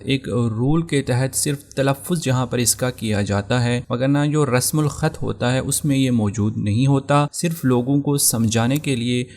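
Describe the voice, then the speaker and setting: Speaking with a Pakistani Urdu accent, a male Quran teacher patiently walks through recitation rules step by step. His mid-pitched voice is gravelly, creaky, and a little mellow, and he revisits each rule and takes every example slowly.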